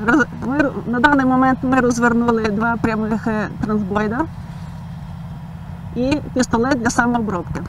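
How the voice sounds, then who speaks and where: A woman in a tank crew speaking through a gas mask, explaining in a halting way with many fillers. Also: fairly high pitch, fairly even intonation, background noise. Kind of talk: on-camera explanation.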